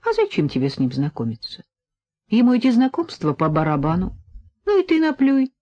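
A woman's voice: mid-range voice, wildly swooping pitch, fairly quick, mellow, no echo, pitched above the performer's own voice. A woman reading an audiobook voicing an offhand, dismissive young woman artist. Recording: dull lo-fi recording.

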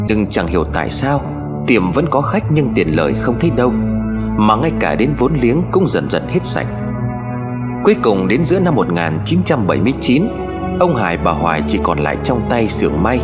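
A man narrating a story in a measured, dramatic way. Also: on the low side. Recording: faint background music. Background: faint music.

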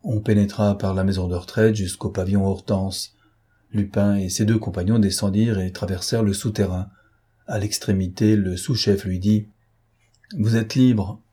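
A man narrating a novel as an audiobook, in steady, measured storytelling. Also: fairly low pitch, husky.

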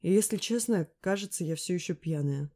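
A hungover young woman mumbles slowly and quietly, her words hoarse, as a woman reading an audiobook voices her. The tone stays warm and mellow. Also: fairly low pitch, close to an everyday voice. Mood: groggy. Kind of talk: audiobook character voice.

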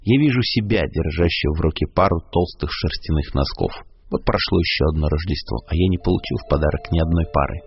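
A man voicing Dumbledore, a wise, gentle old male wizard headmaster who speaks calmly with a dry wit, in a lo-fi radio broadcast. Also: very deep voice, quick pace, gravelly, hardly any pauses, husky, no echo, full character voice. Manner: calm, kindly, wry.

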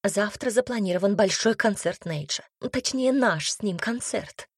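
A woman's voice: medium pitch, lively intonation, normal speed, husky, dry recording, studio quality. A woman voicing a worried woman singer in an audiobook, sighing and pleading. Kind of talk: audiobook character reading.

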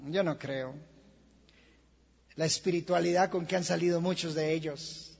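Impassioned Colombian preacher, raspy and high. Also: male voice, fairly even intonation, a little slow. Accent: Colombian Spanish. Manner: impassioned, swings from quiet to shouting. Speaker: pastor. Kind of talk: sermon. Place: church hall. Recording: lo-fi church recording with long reverb.

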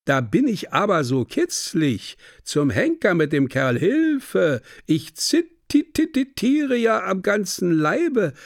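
A man playing a young rake in a radio play who mimics a prissy, coy woman in a mincing, drawn-out way. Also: high voice, very animated, no echo, clean studio sound, voice pushed up, heavily acted. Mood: mock-coy.

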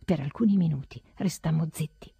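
A woman's voice: sits low, a little fast, vocal fry, mellow, husky, no room sound. A woman giving a dramatic literary audiobook reading, intense and often dropping into a whisper. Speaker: audiobook reader.

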